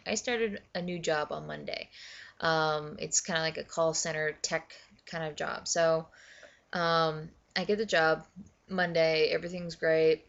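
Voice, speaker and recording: Young adult woman, casual vlog storyteller, chatty and rambling; low-pitched with a gravelly edge, recorded on dull lo-fi audio. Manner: chatty, many fillers and self-corrections. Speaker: vlogger.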